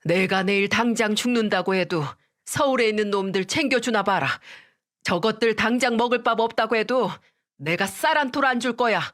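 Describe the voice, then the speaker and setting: A woman's voice: on the high side, moderate pace, fairly bright tone, voice pushed up, close to an everyday voice. Woman voicing a furious old father-in-law. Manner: scolding, raised voice. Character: angry elderly father-in-law, shouting and stern.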